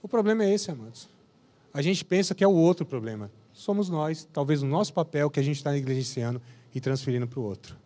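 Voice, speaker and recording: A man's voice: on the high side, a little fast, warm tone. A man, preaching a sermon as pastor, with impassioned declarations and folksy, humorous storytelling.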